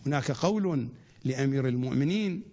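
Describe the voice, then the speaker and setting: A man reciting a rhymed sacred text in a steady, chant-like cadence, opening each line the same way and pausing to explain terms. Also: mid-range voice. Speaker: religious reciter. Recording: dull lo-fi recording.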